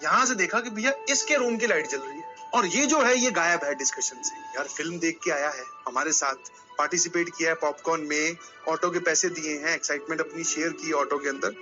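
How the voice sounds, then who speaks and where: A man's voice: fairly high pitch, lo-fi sound. A male coaching teacher giving a motivational lecture to students. He tells stories and talks to them directly, scolding them at times.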